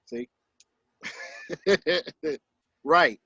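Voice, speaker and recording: Man, 40s, talk-show guest author; slightly higher voice, dry recording, lively storytelling. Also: drawn-out words, breathy edge, no echo, lo-fi sound. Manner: animated storyteller who acts out quotes in higher voices. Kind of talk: casual conversation.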